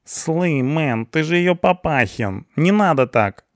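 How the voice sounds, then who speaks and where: A man reading an audiobook, voicing a young punk who talks in street slang and pleads excitedly. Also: a little high, slow, dry recording, studio quality, voice pushed up. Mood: pleading excited.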